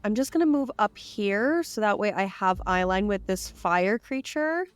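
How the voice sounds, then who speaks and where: A woman's voice: medium pitch, expressive, normal speed. A woman playing a tabletop game, hesitant and thinking aloud with fillers. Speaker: player. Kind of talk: casual tabletop play.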